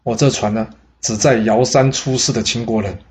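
A man voicing a calm, friendly male boatman who speaks plainly. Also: medium pitch, normal speed, natural voice.

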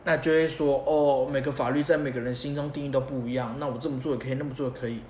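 A man's voice: medium pitch, rapid-fire. A young man hosting a podcast. He talks casually and animatedly, firing off rhetorical questions. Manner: animated, asks many rhetorical questions, chuckles at himself. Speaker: podcast host. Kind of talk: casual explanatory podcast monologue. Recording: roomy echo, faint background hiss.

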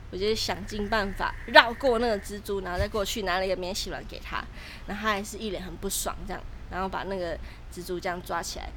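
Podcast co-host: Taiwanese Mandarin woman in her twenties, fast, animated storyteller. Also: mid-range voice, slight background noise. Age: 20s. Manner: animated storytelling, lively and dramatic. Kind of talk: casual chat.

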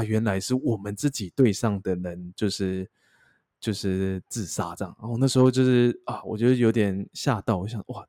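Taiwanese Mandarin man, young, low voice, dry close sound; casual podcast storyteller who voices the people he quotes. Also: dark tone, dry recording. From Taichung, Taiwan. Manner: acts out quoted dialogue while telling a story. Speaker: podcast co-host.

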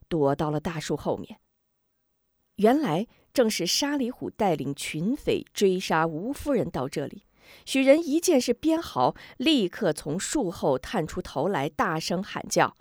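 A woman's voice: on the low side, a little mellow, dry recording. A woman narrating a martial arts tale in traditional storytelling style, with dramatic rhythmic delivery on a close mic.

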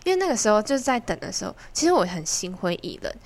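A young woman with a Taiwanese Mandarin accent tells a personal story on her podcast. Her talk is casual, chatty and animated, often breaking into giggles. Her voice sits at a middle pitch for a woman. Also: quick pace. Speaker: podcast host.

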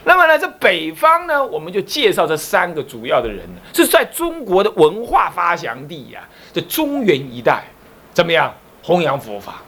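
A man's voice: high-pitched, wildly swooping pitch, normal speed, sharp tone. A man with a Taiwanese Mandarin accent, a Buddhist abbot teaching a class, who quizzes his listeners and teases them in playful asides. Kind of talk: lively Buddhist lecture.

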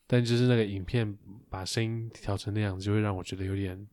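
A man's voice: on the low side, steady tone, fast talker, darkish tone, dry recording. A man with a Taiwanese Mandarin accent, a podcast co-host in casual chat who gives short replies and wry asides.

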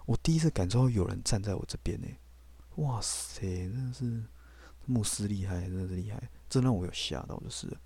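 A man's voice: fairly low pitch, a little fast, dark tone, husky. A man, telling his faith testimony on a podcast in a blunt, candid way with casual swearing. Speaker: podcast host.

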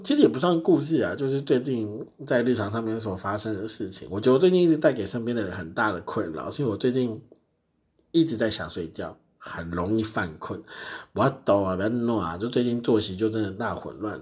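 A man's voice: on the low side, lively intonation, a little fast, darkish tone. A young man, hosting a podcast and telling stories in a chatty, self-mocking way. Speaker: podcast host. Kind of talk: casual solo storytelling.

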